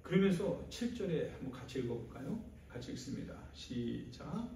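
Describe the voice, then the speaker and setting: A male pastor preaching a sermon, moving from quiet storytelling to loud, impassioned outbursts. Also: fairly high pitch, sing-song, normal speed, gravelly, slight background noise. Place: church sanctuary. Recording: very echoey church hall, from far off.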